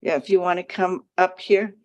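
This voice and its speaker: A woman chairing a planning commission meeting, reading procedural rules and gently directing testifiers to the table microphone. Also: fairly low pitch, steady tone, moderate pace, highs cut off. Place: county planning commission hearing room.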